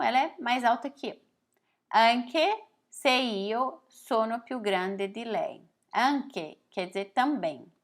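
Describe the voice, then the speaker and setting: A woman from Brazil teaching Italian in a relaxed spoken lesson, explaining slowly, reading phrases aloud and often adding "né?". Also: mid-range voice. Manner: frequent "né?" tag questions.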